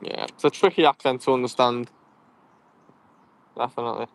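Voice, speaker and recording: A young fishing vlogger from Liverpool, England, speaks in a Scouse accent at medium pitch and normal speed. Outdoors by cold water, he chats casually on a live stream, laughing often while he fishes and answers viewer comments.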